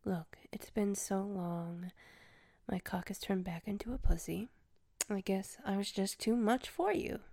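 A woman voicing a vengeful, domineering former student in an audio roleplay, taunting with frequent sighs and hushed whispers. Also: mid-range voice, lively intonation, normal speed, creaky, hardly any pauses, dry recording, studio quality. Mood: whispered taunting. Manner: taunting, sighing, often whispering. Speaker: voice actor.

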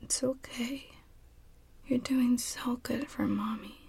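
A woman in a whispered role-play, playing a doting, teasing partner who soothes and coos to another adult in an intimate, breathy, husky voice. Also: a little high, steady tone, slow, darkish tone.

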